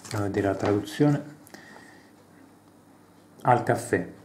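A man reading a French lesson dialogue aloud slowly and carefully, translating it line by line with quick asides. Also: fairly low pitch, darkish tone, reverberant, slight background noise. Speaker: language learner reading a course aloud.

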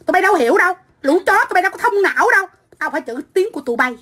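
Foul-mouthed woman ranting, high bright voice. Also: expressive, very fast. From Vietnam. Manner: profane, combative, shouting insults. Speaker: livestreamer. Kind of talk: angry livestream rant.

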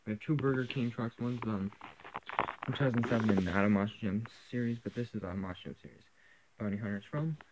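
A man's voice: fairly low pitch, very noisy. A man casually showing off his toy haul in a vlog, rambling with lots of fillers, filming the toys on a floor indoors. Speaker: toy collecting vlogger. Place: indoors, camera pointed at toys on a carpeted floor.

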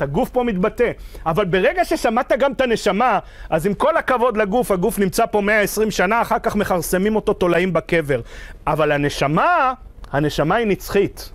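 Man, rabbi, high voice, Torah lecture, animated rhetorical questions, dry close sound. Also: no room sound. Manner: slows down to stress verses.

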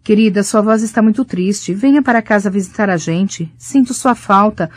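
A woman reading the part of a gentle, anxious mother calling her daughter. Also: medium pitch, normal speed, no room sound, close to an everyday voice. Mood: tender, concerned. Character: warm worried middle-aged mother on the phone.

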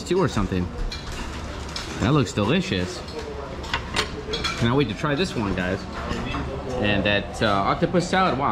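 A man in his thirties filming a casual travel vlog at a seaside restaurant, enthusiastic and saying wow a lot, with the camera held at arm's length. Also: mid-range voice. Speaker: travel vlogger. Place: seaside restaurant and promenade, indoors and out. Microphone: handheld action camera at arm's length.

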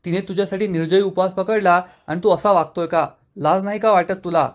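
A man's voice: sits high, steady tone, fairly quick, close to an everyday voice. A man reading the lines of a stern elderly family patriarch in a recap of a TV serial, scolding in his own plain voice.

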